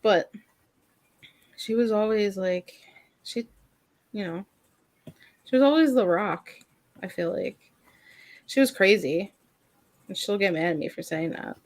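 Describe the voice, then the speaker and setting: A woman's voice: mid-range voice, a little slow, long pauses, no room sound. Rambling woman saying "like" a lot. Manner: rambling, heavy use of "like". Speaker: podcast co-host. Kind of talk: casual chat.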